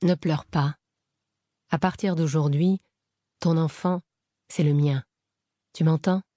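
A woman reading as a tall gentle protective man. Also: low-pitched, steady tone, slow, no echo. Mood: tender, protective.

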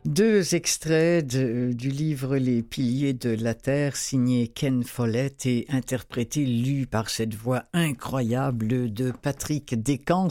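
A man's voice: mid-range voice, warm tone, no echo, studio quality. A man hosting a radio book show, casual and a bit hesitant. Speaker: radio host.

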